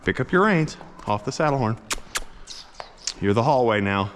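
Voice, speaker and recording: A man working as a horse trainer, coaching a rider in a folksy, encouraging way and cooing softly to the horse. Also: medium pitch, lively intonation, moderate pace, in a large hall, background noise. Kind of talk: instructional coaching.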